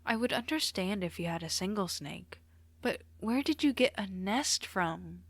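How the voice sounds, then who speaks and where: A man's voice: high-pitched, animated, a little slow, fairly bright tone, no room sound, full character voice. A woman voicing a fed-up, sensible teenage boy who snaps back in a storybook reading. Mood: exasperated. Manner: exasperated, snappish.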